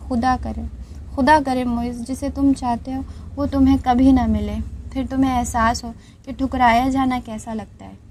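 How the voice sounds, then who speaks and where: A woman's voice: sits high, steady tone, normal speed, a little mellow, slight background noise. A woman reading aloud and voicing a proud, hot-tempered young woman who snaps indignantly. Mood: bitter, tearful. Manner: indignant, snapping.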